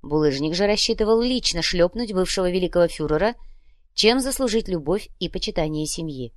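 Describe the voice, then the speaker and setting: Brief: woman audiobook narrator, steady storytelling, close dry recording. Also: on the low side, a little fast, dry recording. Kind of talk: scripted narration.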